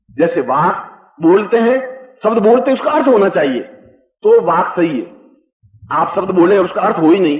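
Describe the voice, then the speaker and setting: An older man giving a spiritual discourse, explaining slowly and emphatically and chanting Sanskrit verses, recorded in a dull, echoey old hall. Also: fairly high pitch. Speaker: spiritual teacher.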